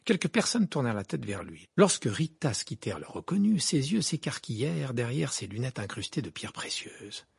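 A man narrating a novel as an audiobook in an expressive storytelling manner. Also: medium pitch, normal speed, vocal fry, hardly any pauses, husky, no echo. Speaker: audiobook reader.

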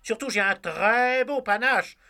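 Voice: medium pitch, unhurried, pushed and bright. A performer voicing a vain, insolent rooster in a storybook audio tale, cackling and mocking. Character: vain boastful idle rooster, male.

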